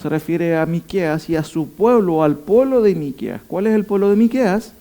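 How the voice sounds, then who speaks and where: A man leads a Bible study in a high, mellow voice. He leans hard on key words and keeps asking his listeners rhetorical questions. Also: animated, normal speed. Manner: emphatic, rising to stress points. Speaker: Bible teacher. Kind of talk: expository Bible teaching.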